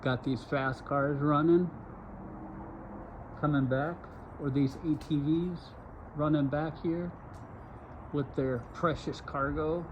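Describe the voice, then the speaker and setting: Slow, emphatic man over traffic noise. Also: on the high side, steady tone. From Arizona. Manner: urgent, repetitive, emphatic. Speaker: vlogger. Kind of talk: outdoor commentary vlog. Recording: lo-fi with loud outdoor noise.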